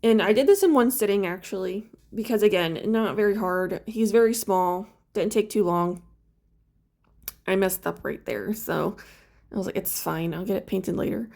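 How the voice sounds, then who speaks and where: A woman's voice: mid-range voice, normal speed, gravelly, darkish tone. A woman who just woke up, chatting casually and rambling with lots of fillers while she paints a small figure for her vlog. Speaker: crafts vlogger.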